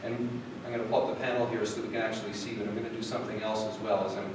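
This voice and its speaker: A man presents a casual live tech demo, rambling with many fillers and restarts in a lowish, level voice at a very fast pace. He is recorded from far off in an echoey, noisy hall.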